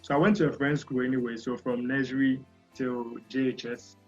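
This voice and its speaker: A young man from Ghana, talking as a guest in a casual interview, chatty and energetic. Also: mid-range voice, fairly quick, lo-fi sound, faint music behind. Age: young adult.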